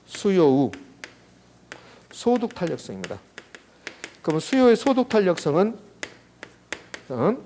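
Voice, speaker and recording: A man lecturing on an exam subject, walking students through a formula and quizzing them with quick rhetorical questions. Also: on the high side, dark tone, a little hiss or hum. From South Korea. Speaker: real estate exam lecturer. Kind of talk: classroom lecture at a whiteboard.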